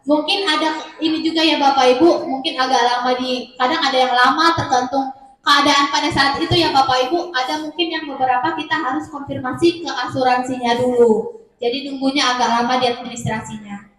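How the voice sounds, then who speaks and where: A woman's voice: high voice, steady tone, a little fast, fairly bright tone. A woman presenter addressing an audience informally on behalf of a hospital. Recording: very echoey room.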